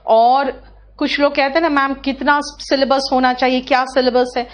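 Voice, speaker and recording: A woman teacher runs a live online grammar class, her voice pitched a little high. She talks briskly and scolds students about common mistakes in a firm, familiar tone. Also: flat delivery.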